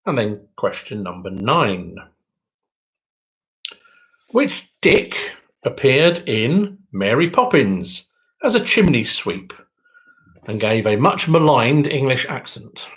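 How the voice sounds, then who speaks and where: A male quiz host reads out questions and answers in a mid-range, fairly bright voice that's very animated, though the audio is poor. His sing-song delivery rises on each question, which he repeats slowly, dropping dry joking asides along the way.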